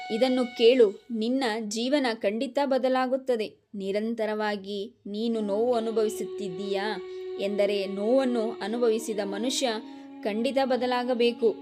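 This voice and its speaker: A woman delivers scripted motivational narration in an unhurried, deliberate cadence, her voice sitting a little high. She speaks in a grave, admonishing tone, addressing the listener directly. Clear background music runs beneath her voice the whole time.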